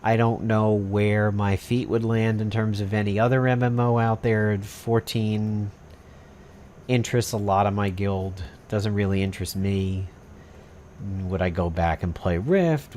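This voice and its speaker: A man's voice: on the low side, steady tone, unhurried, darkish tone, slight background noise. A man talking to camera as a gaming video host and guild master, in a candid, rambling, reflective way with casual swearing.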